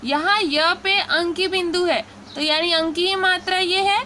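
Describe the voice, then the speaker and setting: A woman teaching a Hindi lesson in a high, bright voice. She talks slowly and patiently, repeating syllables one by one in a drill. A faint hum of noise sits under the recording. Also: steady tone. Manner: patient, drawn-out syllable drills with frequent "theek hai". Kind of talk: slow spoken lesson.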